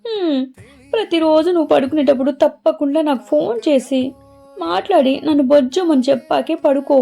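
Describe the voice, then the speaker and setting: A woman's voice: high-pitched, brisk, gravelly, warm tone, faint music behind, voice pushed up. A woman voicing a sulky, pouting young woman in love who scolds and pleads.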